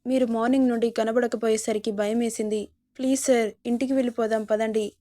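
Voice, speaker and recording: A woman reading as a soft, pleading young heroine. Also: on the high side, little pitch movement, brisk, dry recording, clean studio sound, lightly acted. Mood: pleading softly.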